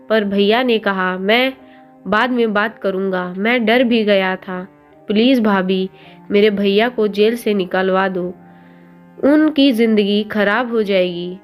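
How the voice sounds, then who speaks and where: A woman's voice: medium pitch, lightly acted. Woman voicing a tearful teenage schoolboy. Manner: sobbing, pleading, choked. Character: tearful teenage schoolboy begging his sister-in-law.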